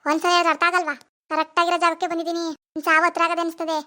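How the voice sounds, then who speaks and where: A woman's voice: very high-pitched, flat delivery, rapid-fire, bright, forceful tone. A woman voicing a vengeful female ghost in a cartoon, scolding and threatening a lazy husband. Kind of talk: animated cartoon voice acting.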